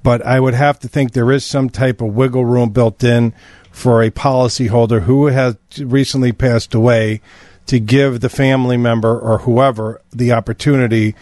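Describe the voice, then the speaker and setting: A man's voice: medium pitch, steady tone, normal speed, darkish tone, dry recording. A man hosting a radio show, joking and repeating the phone number. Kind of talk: casual radio talk.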